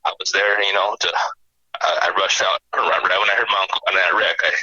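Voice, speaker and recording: A man's voice: deep voice, level tone, a little fast, pushed and bright, no room sound. A man calls in to share memories, sounding choked up and emotional as he rambles. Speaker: caller. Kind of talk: phone-in tribute memories. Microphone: phone audio call. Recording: dull, dry phone-quality audio.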